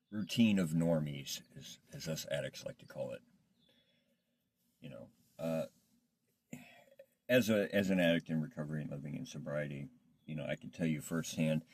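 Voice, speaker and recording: A man talks casually and reflectively in an extremely low, gravelly voice. His toothless speech is slightly slurred, and the husky tone suits his halting, rambling confessional vlog delivery. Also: a little mellow. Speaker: recovering addict vlogger. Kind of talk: casual confessional monologue to camera.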